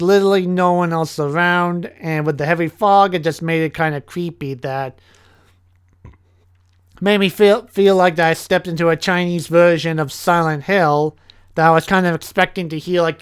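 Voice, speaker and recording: A young man telling a casual vlog story about his year, halting often and restarting his sentences. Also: fairly high pitch, clean tone, no room sound, studio quality. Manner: halting, with many restarts and fillers. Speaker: vlogger, English teacher.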